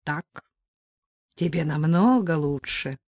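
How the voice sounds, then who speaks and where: A woman voicing a rude, bossy male thug who talks slowly and loudly in gruff threats. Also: low-pitched, expressive, no echo, full character voice. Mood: gruff, mocking.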